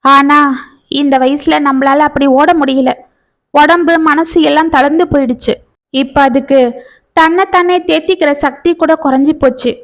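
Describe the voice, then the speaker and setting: A woman's voice: sits high, steady tone, normal speed. A woman voicing a distressed middle-aged single mother, tearful and pleading. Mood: wistful. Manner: tearful, pleading, rising and raw.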